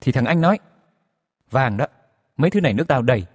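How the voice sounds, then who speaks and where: A man telling a joke at a brisk clip, with fillers. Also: medium pitch, lively intonation, husky, in a large hall. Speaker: joke teller. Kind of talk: telling jokes.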